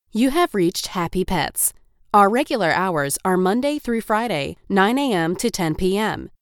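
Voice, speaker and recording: A woman's voice: fairly low pitch, clean tone, dry recording, studio quality. A woman reading scripted phone menu greetings in a polite customer-service manner. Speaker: phone menu voice-over artist.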